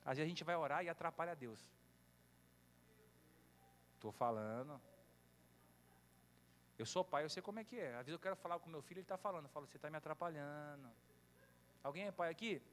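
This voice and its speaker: A man's voice: a little high, a little fast, pauses often. A man from Brazil preaching a sermon as a bishop, telling stories and acting out the lines of the people in them. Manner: storytelling, acts out dialogue with mock voices. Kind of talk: sermon with humorous anecdotes. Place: church hall. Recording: echoey hall with faint hum.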